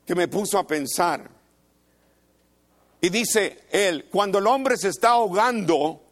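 An older male pastor preaching a fervent sermon, swinging from soft musing to loud declarations. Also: high-pitched.

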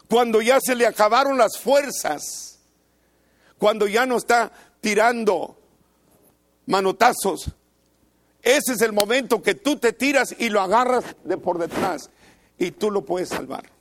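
An older male pastor preaching a fervent sermon, swinging from soft musing to loud declarations. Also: high-pitched.

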